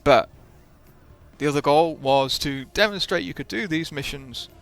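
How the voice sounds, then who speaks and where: A man's voice: fairly high pitch, measured pace, a bit bright, faint music behind. A man hosting a gaming video with casual commentary, often hesitating and correcting himself as he explains.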